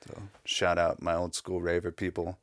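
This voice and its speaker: A man's voice: low-pitched, monotone, normal speed, dry recording. A man in casual podcast chat, easygoing and laughing often into a close mic.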